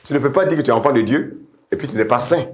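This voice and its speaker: A middle-aged man preaching a sermon with passion, repeating phrases, dropping to low asides and climbing to high shouted refrains while calling out to his congregation. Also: fast talker. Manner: addresses the congregation directly with call-and-response.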